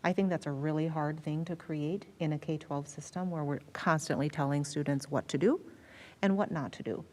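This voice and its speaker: Speaking at a moderate pace in a low, somewhat mellow voice, an American woman presents at a school board meeting. As the district superintendent, she explains things and repeats words to drive them home.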